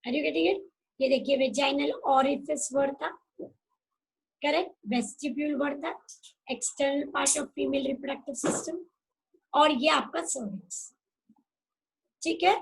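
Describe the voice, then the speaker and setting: A woman teacher with a high, gravelly voice lectures an online class in a mix of Hindi and English. She speaks very slowly and patiently, repeating key terms and checking that the class keeps up. Her computer microphone gives poor audio with faint noise underneath.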